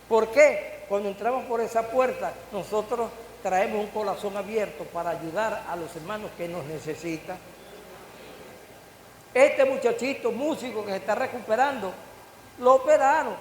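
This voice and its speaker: An older man preaching a sermon as pastor, with rising bursts and questions to the congregation. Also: sits high. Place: church hall. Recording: echoey church hall with faint hiss.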